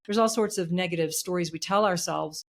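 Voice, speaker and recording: A middle-aged woman, interviewed on a podcast as an author and coach, speaks a little fast in a voice on the low side. She's earnest and emphatic, repeating her key phrases.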